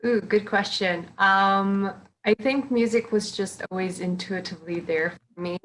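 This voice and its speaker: A young musician guest who grew up in Serbia and China speaks at a measured pace in a medium-pitched, fairly bright voice, captured on a low-quality recording. Answering interview questions, she's chatty and hesitant, uses lots of fillers, and laughs often.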